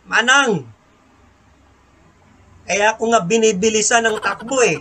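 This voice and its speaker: A man's voice: high voice, measured pace, pitched above the performer's own voice. A man voicing a jeepney driver who gives a joking reply to an old woman. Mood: matter-of-fact. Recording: distant mic, loud crowd and noise.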